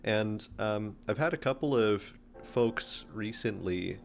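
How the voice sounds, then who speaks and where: A man's voice: fairly low pitch, slow pace, creaky. A man streaming live, chatting casually and thinking aloud with ums while he works through a design. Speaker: streamer and engineering teacher. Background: background music.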